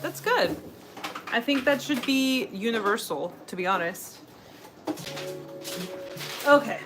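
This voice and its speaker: Cooking in her home kitchen, this American livestream host chats casually with live viewers, reading out their comments and answering. She speaks slowly and expressively in a voice on the high side, with music playing in the background.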